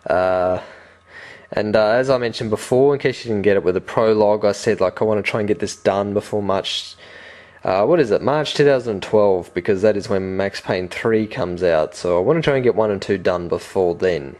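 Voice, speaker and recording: A young man hosting a casual let's play, chatty, jokey and excitable. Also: lowish voice, moderate pace. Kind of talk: casual gameplay commentary. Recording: noisy home recording. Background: game audio.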